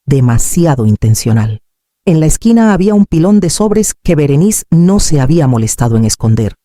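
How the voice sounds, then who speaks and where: A woman narrating a scripted story in a calm, measured way. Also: low voice, dry recording, clean studio sound.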